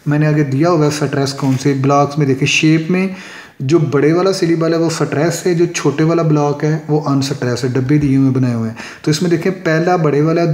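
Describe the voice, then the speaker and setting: A man's voice: fairly high pitch, a little mellow. Man teaching in an echoey room. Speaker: English teacher. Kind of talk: classroom lesson explaining poetic meter.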